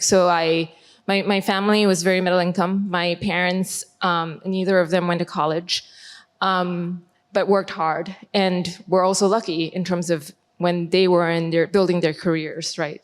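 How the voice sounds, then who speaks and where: Panelist, woman, 40s, from Singapore, low voice, candid and wry. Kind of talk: telling her life story on a panel.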